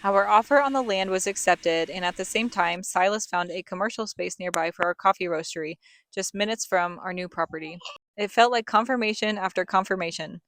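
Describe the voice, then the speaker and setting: Young woman, scripted vlog voice-over, earnest storyteller, mid-pitched, very little room sound. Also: brisk, fairly bright tone, dry recording. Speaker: family vlogger, co-host.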